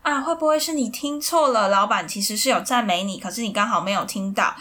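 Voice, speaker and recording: A woman's voice: mid-range voice, brisk, bright, forceful tone, natural voice. A woman doing a dismissive, placating husband. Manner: placating, brushing off. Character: dismissive well-meaning husband on the phone.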